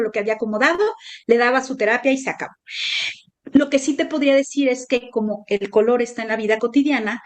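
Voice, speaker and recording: Higher-voiced woman explaining. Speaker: color therapist guest. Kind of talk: conversational interview answers.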